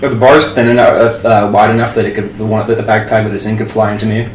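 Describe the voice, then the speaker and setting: A man's voice: on the low side, little pitch movement, fast talker, distant mic. A man playing a tabletop game, hesitant and questioning. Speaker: player. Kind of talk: casual tabletop play. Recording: echoey room, off mic, noise.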